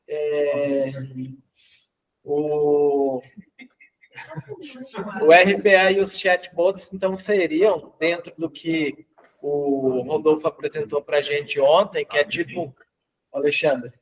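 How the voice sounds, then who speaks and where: A man's voice: on the high side, slow, pauses often, rough recording. A Brazilian man moderating a seminar, thinking aloud with fillers. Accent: Brazilian Portuguese.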